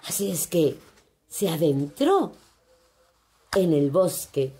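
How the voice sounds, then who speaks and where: Spanish lady reading a kids' story, slow and bouncy, voice going up and down a lot. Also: mid-range voice. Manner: animated, expressive.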